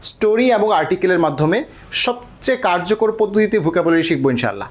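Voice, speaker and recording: A man's voice: sits high, big pitch swings, fast. A man teaching English vocabulary in an online class, explaining patiently and often checking that students follow.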